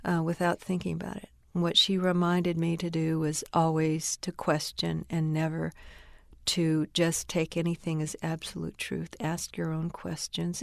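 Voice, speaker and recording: A woman's voice: deep voice, gravelly, no echo, studio quality. A woman novelist answering interview questions in a reflective, thoughtful way. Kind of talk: interview conversation.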